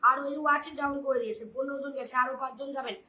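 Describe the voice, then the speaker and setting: A woman hosting a live stream, rapidly urging viewers over and over and reading out their names. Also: sits high, steady tone, pushed and bright. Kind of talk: live stream audience chat. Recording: echoey room with faint noise.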